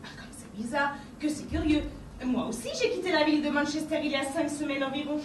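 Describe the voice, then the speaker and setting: A woman playing a prim English wife, high-voiced and politely baffled, each line measured and formal. She is caught from across an echoey stage, with steady noise behind her. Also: distant mic, lightly acted. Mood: wondering. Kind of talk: amateur stage acting. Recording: echoey stage from afar, noisy.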